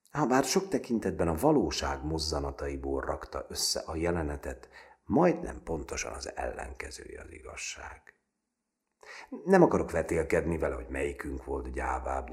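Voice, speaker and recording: Very deep-voiced male audiobook narrator. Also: creaky. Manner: measured and expressive, voices characters.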